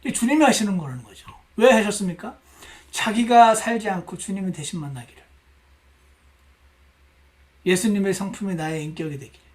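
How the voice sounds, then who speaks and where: 활기차게 가르치는 남자 목사. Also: male voice, high voice, fairly quick, pauses often. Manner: animated, rhetorical questions, acts out quoted lines. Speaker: pastor teaching a women's Bible class. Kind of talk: Bible class teaching. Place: church classroom.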